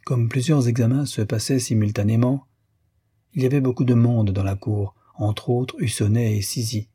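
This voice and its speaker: A man reading a classic novel aloud in a measured, even storytelling manner. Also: medium pitch, husky, dry recording, clean studio sound. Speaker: audiobook narrator. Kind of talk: scripted literary narration.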